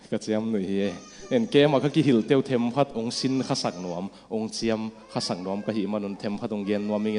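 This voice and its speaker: A man's voice: mid-range voice, a little mellow. A man with a Zomi accent preaching a sermon to a congregation in a church. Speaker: pastor. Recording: long hall reverb.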